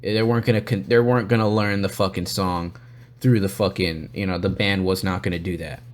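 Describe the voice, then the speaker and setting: Man, podcast host, casual storytelling, profane, animated. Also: low voice, a little fast. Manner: profane, animated, acts out quotes.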